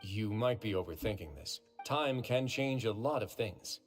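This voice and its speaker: Shrewd, composed official for a video game, lowish voice, persuasive and articulate, soft music behind. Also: male voice, lively intonation, unhurried. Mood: reassuring. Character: composed, authoritative male official, shrewd and reassuring.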